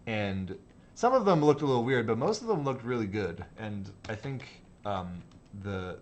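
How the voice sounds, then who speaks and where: A man's voice: lowish voice, very animated, moderate pace, a little hiss or hum. A man hosting a livestream, chatting casually while he sketches, rambling and hesitant with sudden laughs. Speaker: livestream host and designer. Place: office studio.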